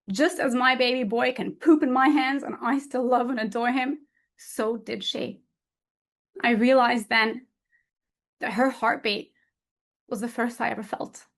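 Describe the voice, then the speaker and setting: Woman, 30s, slightly high voice, heartfelt storyteller on stage, measured pauses. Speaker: public speaker. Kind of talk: emotional competition speech.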